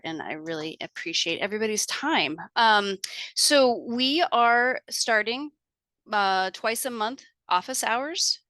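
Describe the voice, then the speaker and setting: A woman's voice: mid-range voice, pushed and bright, no room sound. Chatty woman hosting an online meeting. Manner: friendly, chatty, many fillers and restarts. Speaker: state infection prevention lead hosting office hours.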